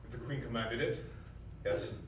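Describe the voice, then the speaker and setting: A man's voice: medium pitch, steady tone, normal speed, natural voice. A man on stage playing a loyal, anxious royal advisor with a deferential, pleading way of speaking. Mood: deferential, grave. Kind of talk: theatrical stage acting. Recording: echoey theatre, distant mic, faint noise.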